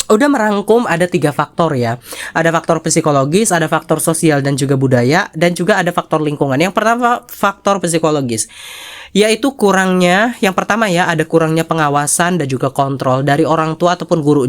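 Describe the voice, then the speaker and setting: A host with a Jakarta Indonesian accent and a congested nasal voice from a cold, giving chatty, sassy commentary with dramatic asides, of mid-range pitch between a man's and a woman's. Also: a little fast. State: has a cold. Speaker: host of a YouTube commentary channel. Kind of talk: casual spoken commentary to viewers.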